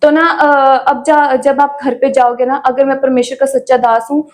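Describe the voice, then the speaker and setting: A young woman with a high voice tells her faith testimony in a casual interview. She talks in a chatty way, with many small fillers between her words. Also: flat delivery, normal speed. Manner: chatty storytelling with frequent "ना" fillers. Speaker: guest sharing her testimony.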